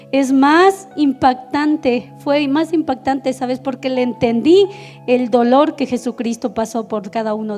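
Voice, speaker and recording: Female pastor, high mellow voice, heartfelt testimony sermon, faint music underneath. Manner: emotional testimony, rhetorical questions to the congregation.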